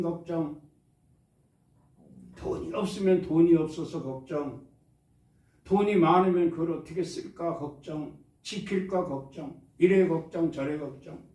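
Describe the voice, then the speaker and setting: A man's voice: fairly high pitch, a little mellow. A man preaching a Sunday sermon as pastor, drawing responses from his congregation. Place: church sanctuary. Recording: echoey church hall, mic at a distance.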